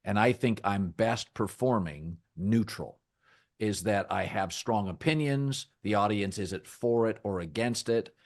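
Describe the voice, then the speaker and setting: With a deep, rich voice, this middle-aged sports podcast host speaks in a thoughtful, measured way, often starting phrases over. The recording is clean studio audio without any room sound.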